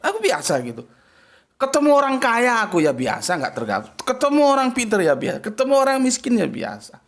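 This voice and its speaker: A man talks bluntly in an informal religious talk, his pitch leaping up and dropping low. His manner is combative and plain-spoken, and his delivery is lively. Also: fairly quick. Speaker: preacher and debater.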